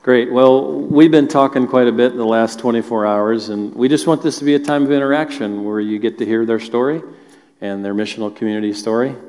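A man's voice: mid-range voice, a little mellow. A man hosting a church stage interview, friendly and joking as he questions his guests. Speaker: host and church elder. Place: church auditorium. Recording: reverberant hall.

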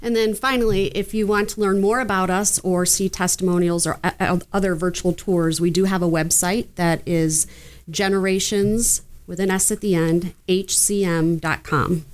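A woman's voice: fairly low pitch, fairly even intonation, normal speed. A woman working in healthcare, answering as an interview guest in a conversational style.

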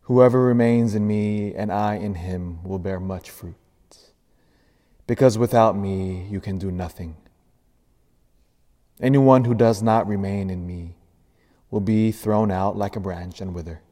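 A priest reading the gospel and preaching earnestly in a cathedral echo, building emphasis through lists. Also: male voice, lowish voice, measured pace, dark tone. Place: large church. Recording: long reverb of a large church.

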